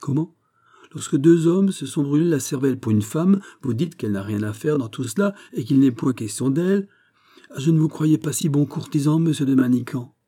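A man's voice: a little high, lively intonation, normal speed, mellow, pitched above the performer's own voice. A man voicing a haughty, impatient princess. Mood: exasperated. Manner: imperious, ironic, exasperated questioning. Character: haughty, impatient young princess, sharp-tongued. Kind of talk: audiobook reading.

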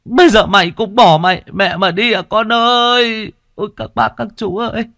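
A man's voice: normal speed, gravelly, pushed and bright, no echo, clean studio sound, exaggerated voice. A man voicing a grieving middle-aged village mother who sobs and wails as she pleads. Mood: wailing grief. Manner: high keening cries, pleading and lamenting. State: sobbing, wailing.

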